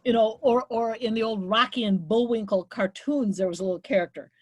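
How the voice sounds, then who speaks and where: A woman's voice: a little high, fairly quick, a little mellow, husky. A woman teacher leading a group reading and discussion in a chatty, apologetic way, with many fillers. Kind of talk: casual class discussion.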